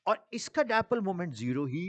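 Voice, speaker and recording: A man's voice: high-pitched, very animated, normal speed. A man with an Indian accent teaching a physics lesson, mixing Hindi and English and asking his students questions as he goes. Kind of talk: classroom physics lecture.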